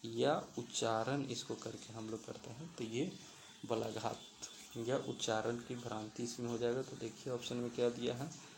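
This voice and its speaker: A man's voice: mid-range voice, fairly even intonation, a little slow, vocal fry, a little hiss or hum, rough recording. A man teaching as he explains quiz questions and walks through each option step by step, slipping English terms into his talk. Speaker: exam-prep teacher.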